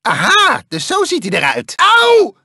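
A shrill manic mad scientist. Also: male voice, big pitch swings, measured pace, creaky, pushed and bright, no room sound, exaggerated voice. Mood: shrieking, angry. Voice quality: shrill, crazed and whiny. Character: manic high-pitched male mad scientist with a rocket in his head. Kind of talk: video game voice clips. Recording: dry studio recording.

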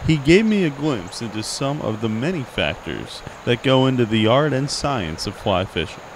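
A young man delivers a student news feature outdoors beside a creek, holding a handheld mic. His pitch moves in a lively, animated way. Steady outdoor noise sits clearly behind his voice. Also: moderate pace. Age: young adult. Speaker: student reporter.

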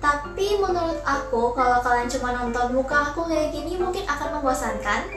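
A woman's voice: high voice, animated, brisk. A teenage girl from Central Java, Indonesia, chatting to her viewers in a friendly Q&A while she journals. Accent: Central Javanese Indonesian. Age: teens. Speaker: journaling YouTuber. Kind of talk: casual Q&A voice-over while journaling. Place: bright room with shelves of stationery. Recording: voice over background music.

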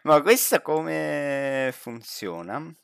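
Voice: mid-range voice, animated, very slow, vocal fry, smooth, no room sound, studio quality. A streamer giving casual, jokey commentary while playing a horror game with a friend, laughing often. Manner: chatty, laughs often, jokey banter with a teammate.

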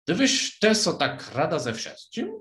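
A man's voice: fairly high pitch, big pitch swings, measured pace, a bit bright, pitched above the performer's own voice. A man doing a curious young girl. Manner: curious questioning. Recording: roomy echo.

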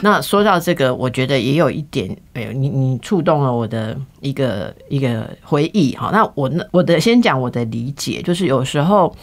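A woman host speaks with a lively, swinging intonation. She is middle-aged and chats with her guest in an expressive, empathetic way. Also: rumbling low, normal speed, hardly any pauses. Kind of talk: conversational interview.

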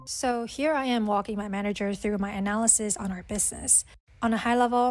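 A woman in her twenties from Taiwan, talking casually through her work day in a vlog, with a relaxed manner and frequent "like". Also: medium pitch, noisy background. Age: 20s. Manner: relaxed, uses "like" often. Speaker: business analyst vlogger. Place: apartment home office, indoors. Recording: background music under voice.

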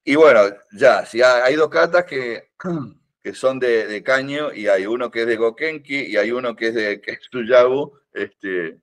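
At a measured pace and medium pitch, an older man with a Rioplatense Spanish accent talks casually as a podcast guest. A karate teacher by trade, he rambles with many fillers and restarts and keeps up a teasing tone.

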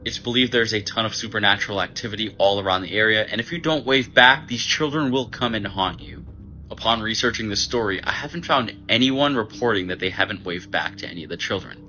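A man's voice: fairly low pitch, a little fast, bright, forceful tone. A man telling a story in an earnest, explanatory way for a short video. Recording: dull lo-fi clip with faint noise.

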